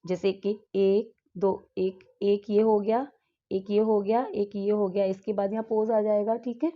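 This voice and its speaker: A young woman teaching English exam practice with an Indian English accent, reading each question slowly and then explaining it in Hindi. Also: medium pitch, level tone, lo-fi sound.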